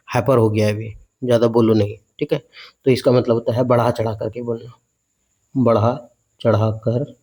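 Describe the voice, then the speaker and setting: Chatty male tutor with a mellow voice. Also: mid-range voice. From India. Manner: chatty, repeats words in mnemonic chants, asks learners questions. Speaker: exam coaching teacher. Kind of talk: vocabulary lesson.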